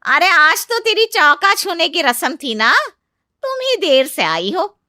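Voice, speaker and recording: A woman voicing a sharp-tongued, scolding middle-aged aunt-in-law in a cartoon story, loud and taunting. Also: very high-pitched, big pitch swings, unhurried, no room sound, studio quality, pitched above the performer's own voice, heavily acted.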